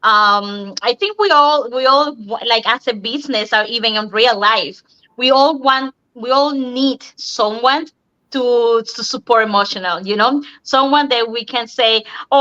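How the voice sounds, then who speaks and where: A woman from Cuba, talking casually on a video call, often laughing and restarting her phrases. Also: fairly high pitch. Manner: warm, laughing, halting phrasing. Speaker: nurse and online business owner. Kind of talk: casual group talk. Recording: dull lo-fi online call audio.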